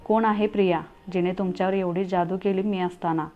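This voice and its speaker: A woman's voice: medium pitch, steady tone, fairly quick, lightly acted. Woman playing a wounded wife throwing accusations, pleading tone, thin phone-like audio, faint music. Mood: hurt, accusing. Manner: pleading, reproachful. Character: hurt, accusing young wife.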